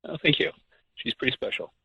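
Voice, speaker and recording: A man's voice: fairly quick, sharp tone, dry recording. A man on a phone call, talking hesitantly, with stammers and nervous laughs. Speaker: caller on a radio prank segment. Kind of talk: phone conversation. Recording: dull phone-line audio.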